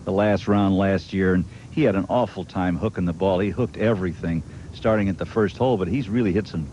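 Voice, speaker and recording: Low-voiced male golf commentator, noisy feed. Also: fairly quick, dark tone. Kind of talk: conversational live golf commentary. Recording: dull feed, noisy outdoor ambience.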